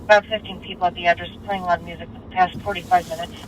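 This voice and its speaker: High, fast male dispatcher over police radio. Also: little pitch movement, a little hiss or hum, poor audio. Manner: terse, businesslike. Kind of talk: clipped radio dispatch calls.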